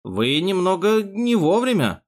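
A man's voice: sits high, sing-song, normal speed, pushed and bright, pitched above the performer's own voice, exaggerated voice. A man voicing a timid, cowed German man who mumbles and stammers in an audiobook.

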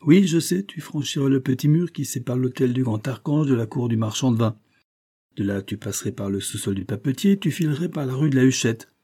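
A man's voice: medium pitch, expressive, brisk, warm tone, breathy edge, voice pushed up. A man voicing a stout, commanding older detective who speaks curtly and with full confidence. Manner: curt, sure of himself, peremptory.

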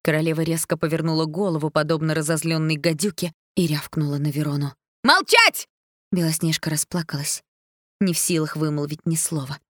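A woman calmly narrating a fairy tale audiobook. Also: low-pitched, no echo, clean studio sound. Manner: calm, measured reading.

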